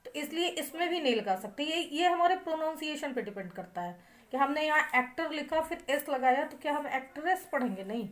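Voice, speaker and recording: A woman teaching a lecture, spelling words out letter by letter and drawing out syllables slowly, with an Indian English accent on English words. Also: sits high, expressive. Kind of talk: classroom lecture.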